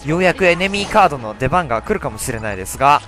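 A man's voice: a little high, expressive, racing, fairly bright tone. A young man giving chatty let's play commentary, talking to himself as he plays. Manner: chatty, talks to himself while playing. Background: faint game music.

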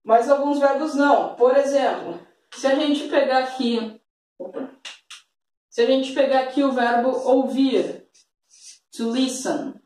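Lady english teacher, kinda high voice, super echoey room, mic a bit far off. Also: a little mellow. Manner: patient, checks in often with tag questions; fond of diminutives. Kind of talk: online English grammar lesson.

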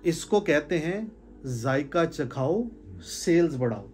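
A man's voice: a little high, expressive, slow, a little mellow, a little hiss or hum. A man gives an informal sales talk to a small group, stressing points by repeating phrases. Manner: emphatic, repeats phrases for stress, gestures while talking. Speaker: sales trainer. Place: indoor room with curtains.

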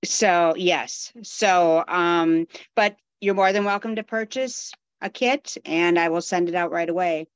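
A woman's voice: lowish voice, measured pace, few pauses, clear, resonant tone, no room sound. A woman, a beading class instructor, joins a group meeting over a phone into a video call, speaking casually and hesitantly with many ums and restarts. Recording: dull, muffled phone audio.

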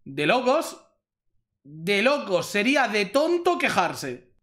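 A young man from Spain with a Spanish accent and a high-pitched voice commentates a pack opening. He is excitable, repeats himself, and exclaims loudly whenever something good turns up. He talks close to a desk mic. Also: takes it slowly. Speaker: gaming youtuber.

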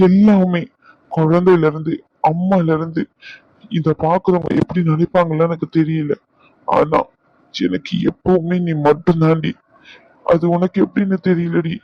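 A husband vlogger with a fairly high voice pleads with and comforts his wife in an emotional couple vlog, repeating himself. He speaks at a measured pace with little pitch movement and frequent pauses. The lo-fi recording sounds dull, with no echo.

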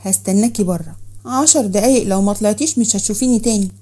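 A hot-tempered Egyptian man with a harsh, mocking bite, put on by a woman reading a story. The delivery is rapid and husky, with a mellow, rather dark tone. He snaps his lines out curtly in a storybook recording. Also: mid-range voice, close to an everyday voice. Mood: contemptuous. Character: hot-tempered young man, blunt and scornful. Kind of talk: storybook narration.

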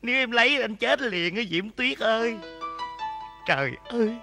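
A man's voice: extremely high pitch, lively intonation, moderate pace, gravelly, bright, forceful tone, faint music behind. A man doing a comedy sketch, crying out and teasing his partner. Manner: exclamatory, teasing comic lamenting. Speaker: comic actor.

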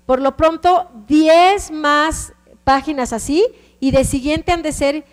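A woman's voice: high voice, slow, in a large hall. A woman with a Mexican Spanish accent teaching a computer class, explaining step by step and often checking that the students follow.

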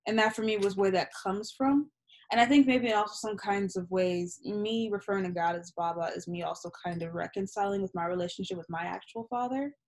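A young Nigerian-born poet whose native tongue is Yoruba talks about her writing in a casual, reflective video-call interview from a small room at home. Her medium-pitched voice comes through a laptop webcam as she gestures animatedly and swears candidly.

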